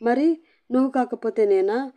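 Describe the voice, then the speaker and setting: A woman voicing a young bride who sobs and scolds in a shrill, cursing tirade. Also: a little slow, highs cut off, lightly acted. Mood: wailing, cursing.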